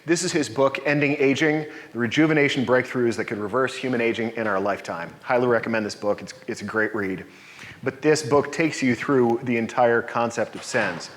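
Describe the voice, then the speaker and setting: A man's voice: medium pitch, brisk. A man in his forties giving an upbeat slide talk at a podium, explaining and mixing in personal examples. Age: 40s. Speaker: presenter. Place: dark lecture hall, standing at a podium. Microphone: podium mic from a distance. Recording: reverberant hall, voice from afar.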